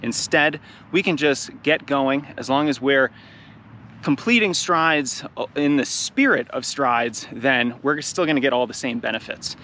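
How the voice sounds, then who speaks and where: A man's voice: medium pitch, unhurried, a little hiss or hum. Slightly winded man coaching outdoors. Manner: talks nonstop, energetic and encouraging. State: a little out of breath. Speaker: running coach. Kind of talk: outdoor instructional talk to camera. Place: grass field outdoors, near traffic. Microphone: handheld camera carried while running.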